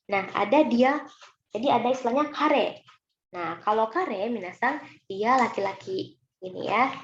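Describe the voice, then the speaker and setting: A woman with an Indonesian accent walks her students through kanji in a recorded online lesson, patient and chatty. Her voice sits at an ordinary middle pitch. The recording is roomy and a little dull, with faint noise underneath. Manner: patient, chatty, often addresses students as minasan. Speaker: Japanese kanji teacher.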